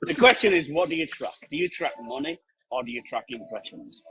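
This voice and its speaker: A man's voice: fairly high pitch, very animated, brisk, gravelly, low-quality recording. A man chatting casually as a call-in guest, explaining emphatically and posing questions that he then answers. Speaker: call-in guest, print production operator. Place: outdoors at a pub. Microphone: video call.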